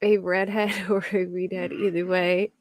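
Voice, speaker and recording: Her voice is fairly low and darkish, her delivery flat, her pace moderate, with no room sound. This young Philadelphia-area woman, accent and all, hosts a true crime livestream, casually reading a crime story, chatting with viewers and laughing a lot.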